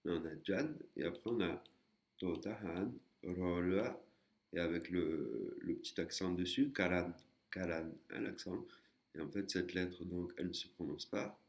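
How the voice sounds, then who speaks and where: A man with a very low voice teaches a beginner language lesson at an unhurried pace. He explains patiently, step by step, pausing and hesitating often as he goes. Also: gravelly, darkish tone. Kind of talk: screen-recorded lesson.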